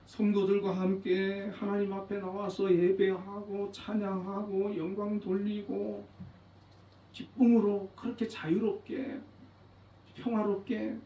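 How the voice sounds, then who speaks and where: A man pastor delivering an earnest, emphatic sermon, repeating phrases for weight. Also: high voice. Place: church sanctuary. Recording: roomy, distant, dull church recording.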